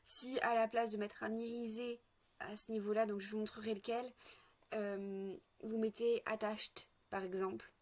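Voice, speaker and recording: A woman's voice: medium pitch, little pitch movement, normal speed, a little mellow. A woman chatting through a casual makeup tutorial, hesitant with lots of fillers, a bit sick. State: sick, occasional coughing. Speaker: makeup vlogger.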